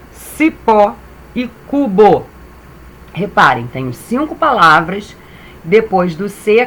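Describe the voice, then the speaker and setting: A woman teacher with a Brazilian accent, giving a reading lesson to young children and sounding out syllables clearly. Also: medium pitch, fairly bright tone, slight background noise. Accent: Brazilian Portuguese. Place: home, reading from a computer.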